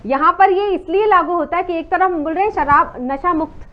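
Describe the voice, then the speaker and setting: A woman's voice: very high-pitched, fairly quick, highs cut off. A woman moderating a televised debate, putting questions to her guests. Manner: frequent brief acknowledgments, poses questions to guests. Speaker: debate anchor.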